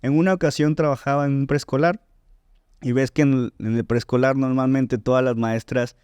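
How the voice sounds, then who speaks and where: A man's voice: mid-range voice, fairly even intonation, moderate pace, darkish tone, clean tone, no echo. A man, a voice teacher and singer explaining technique in a podcast interview, often checking in with "¿no?" and "¿sí?". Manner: didactic, frequent "¿no?" and "¿sí?" check-ins.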